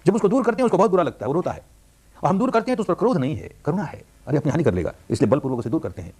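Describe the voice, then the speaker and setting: Older male meditation teacher, brisk and highly animated delivery for a spiritual discourse. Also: slightly rough. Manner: animated, rising and falling emphasis, storytelling.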